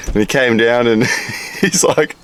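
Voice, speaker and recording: A man's voice: mid-range voice, takes it slowly, fairly bright tone. An Australian man casually telling camping stories outdoors, laughing often and swearing freely. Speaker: vlogger. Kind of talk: casual chat. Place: outdoors at a campsite.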